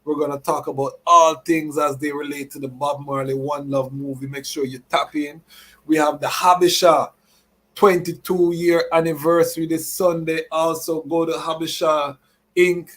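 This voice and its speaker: A podcast host, a man with a slightly high voice, talks live to his followers. He moves between announcements and reasoning, using Rastafarian idiom and catchphrases. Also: flat delivery, normal speed, fairly bright tone.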